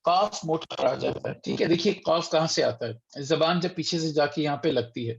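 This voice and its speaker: A man leads an online recitation lesson, patiently repeating each letter slowly and clearly for his students. His voice is gravelly and a little high. The call audio sounds dull and lo-fi. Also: lively intonation. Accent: Urdu-speaking. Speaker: Quran recitation teacher. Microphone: computer mic on a video call.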